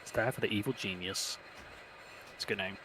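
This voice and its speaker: A man's voice: on the low side, moderate pace. A man guiding his group casually over online game voice chat, with faint noise behind him.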